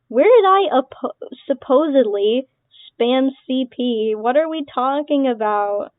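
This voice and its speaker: A young woman delivers casual reaction commentary in a sarcastic, dismissive way, cursing freely. She talks slowly in a fairly high voice. The sound is tinny and dry, like a phone line. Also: animated, no echo. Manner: dismissive, sarcastic, swearing, laughing between remarks. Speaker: online creator responding to accusations.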